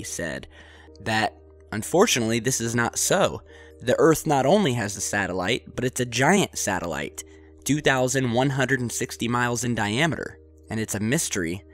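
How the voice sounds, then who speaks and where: A man's voice: fairly low pitch, a bit bright. A man with a congested, sick voice hosting a vlog, talking conversationally with frequent "uh" fillers. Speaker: host. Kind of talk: casual vlog narration.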